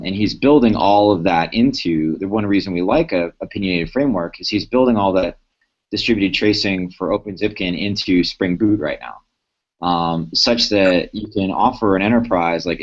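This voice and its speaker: Deep-voiced man in rambling tech chat. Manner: rambling, hesitant, many fillers. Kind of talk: casual tech panel chat. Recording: dull lo-fi stream audio.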